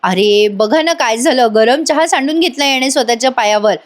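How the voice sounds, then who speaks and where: A cheerful young bride fussing and scolding with affection, as a woman narrator puts her on. The voice sits fairly high and chides her husband briskly. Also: animated.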